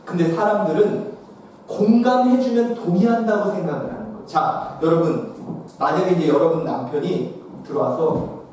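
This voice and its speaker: A male pastor giving a humorous seminar lecture, lively, often questioning the audience and acting out little scenes. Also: a little high, moderate pace, slight background noise. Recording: echoey hall, distant mic.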